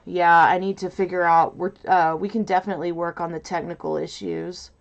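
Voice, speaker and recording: Woman, loud and nasal, lowish voice, chatty stream host thinking aloud; dull lo-fi audio from an off-side mic. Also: flat delivery, fairly quick, gravelly. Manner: rambling, hesitant, full of fillers. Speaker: livestream host. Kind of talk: casual livestream chat. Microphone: mic set off to the side, away from camera.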